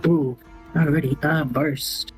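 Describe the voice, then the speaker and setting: A man narrating a tabletop role-playing game as game master, in a casual, halting way. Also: a little high, fairly even intonation. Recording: faint music behind the voice. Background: music.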